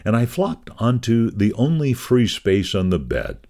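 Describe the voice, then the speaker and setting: A man with a very low voice reads a devotional magazine column aloud. His reading is measured and scripted, and his intonation rises and falls in wide, lively swings. He keeps the same steady, expressive delivery throughout. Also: vocal fry.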